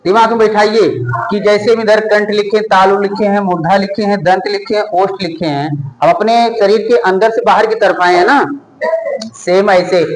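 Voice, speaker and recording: A man with a fairly high voice teaches in a plain classroom manner. He asks a question, answers it himself, and repeats each item slowly. The sound bounces around an echoey room. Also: fairly even intonation, background noise. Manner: repetitive question-and-answer drilling, slow deliberate spelling out. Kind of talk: classroom lesson with call-and-response drilling.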